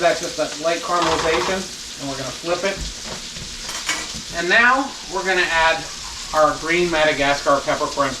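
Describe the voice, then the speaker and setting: A man chef giving a step-by-step cooking demonstration in a relaxed, instructive way, stopping now and then to restart a phrase. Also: on the high side, heavy background noise. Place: kitchen. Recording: echoey kitchen, mic at a distance. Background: sizzling pan sounds.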